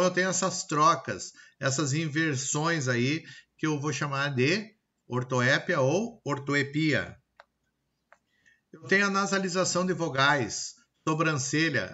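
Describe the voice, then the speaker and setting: A man with a Brazilian Portuguese accent teaching a recorded grammar lesson, checking in with "tá?" and sounding out example words slowly. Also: on the high side, bright, forceful tone, highs cut off. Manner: explanatory, pausing with frequent "tá?" and "ok?" checks; slow, deliberate word-by-word example pronunciations.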